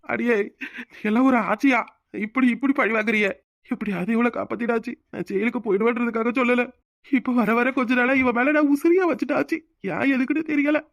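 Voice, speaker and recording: A woman's voice: a little high, fairly even intonation, creaky, no room sound, highs cut off. [name], a woman voicing a tearful village husband. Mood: indignant. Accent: Tirunelveli Tamil. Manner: tearful, pleading, quick to flare up. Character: young village man, devoted emotional husband. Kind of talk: cartoon voice acting.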